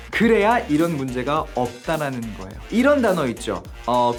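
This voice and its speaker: Lively English teacher explaining to viewers. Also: mid-range voice. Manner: explains step by step, poses questions to viewers. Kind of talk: video English lesson.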